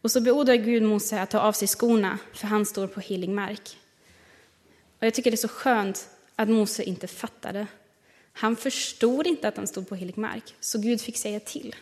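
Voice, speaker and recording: Woman preacher, mid-pitched, thoughtful sermon delivery, big echoing church hall. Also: a little mellow. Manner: reflective, slows down to stress single words. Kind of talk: sermon with Bible reading. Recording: long reverb of a large hall.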